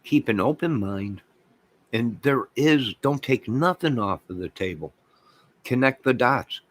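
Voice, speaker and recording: Speaking in an expressive, unhurried medium-pitched voice, an American man rants to his online audience in a dry recording. He is emphatic and opinionated, repeats phrases for emphasis, and mocks opposing views with sarcasm.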